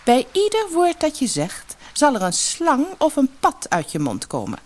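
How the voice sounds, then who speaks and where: A stately fairy in disguise, speaking in a measured, lilting, raised voice, put on by a woman reading aloud. The tone is slightly husky. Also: sits high, huge pitch swings, darkish tone, voice pushed up, exaggerated voice.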